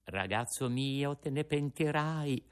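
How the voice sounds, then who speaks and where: A man voicing a patient, motherly fairy in a storybook reading, calm and gently scolding. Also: mid-range voice, unhurried, voice pushed up, natural voice.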